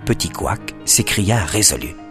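A man narrating a children's story expressively, dropping to a hush at suspenseful moments. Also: sits low, animated, measured pace, faint music behind.

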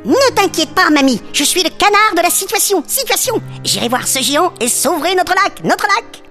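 A woman voicing a small, brave, excitable duckling who repeats his words and mangles big words in a children's story. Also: very high voice, normal speed, soft background music, exaggerated voice. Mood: determined. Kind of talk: storybook acting.

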